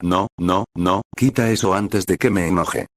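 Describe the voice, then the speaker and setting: Un hombre que pone voz a un villano joven, hosco y burlón, con lectura plana y despreocupada. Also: male voice, sits low, a little slow, dry recording, studio quality.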